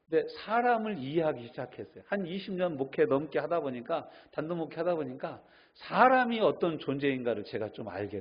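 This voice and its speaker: A man's voice: fairly high pitch, breathy edge, muffled recording. A middle-aged male pastor preaching a sermon, telling stories and acting out the voices of the people he quotes.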